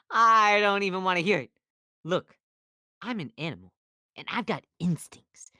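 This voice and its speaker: A woman's voice: medium pitch, expressive, measured pace, sharp tone, dry recording, clean studio sound. A woman voicing a jittery, talkative male donkey who stammers and rambles in an amateur fan dub. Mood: teasing.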